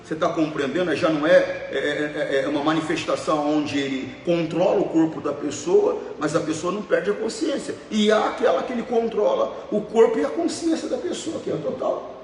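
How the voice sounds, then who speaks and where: A man's voice: on the high side, a little fast, darkish tone, slight background noise. A man preaching as a pastor, telling stories with emphatic repetitions. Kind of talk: preaching sermon. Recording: echoey hall, voice from far off.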